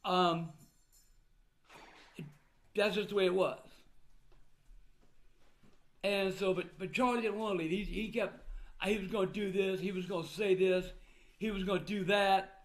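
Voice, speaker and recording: A man's voice: sits high, steady tone, unhurried, long pauses. An older man talking casually and bluntly to his viewers, with the plain manner of an old grandfather. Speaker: vlogger recounting family troubles. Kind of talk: casual personal talk to viewers.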